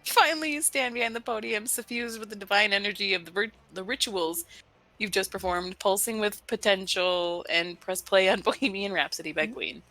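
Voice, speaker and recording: A woman's voice: medium pitch, normal speed, sharp tone, soft background music. A woman playing and reading out a video game, narrating playfully and theatrically with casual banter. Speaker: let's play reader and player.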